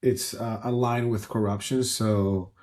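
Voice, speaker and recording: Mellow-voiced man in his thirties. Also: on the low side, fairly even intonation, measured pace. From Ecuador. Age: 30s. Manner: earnest, rambling, many restarts and "like" fillers. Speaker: guest entrepreneur. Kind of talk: casual conversational storytelling.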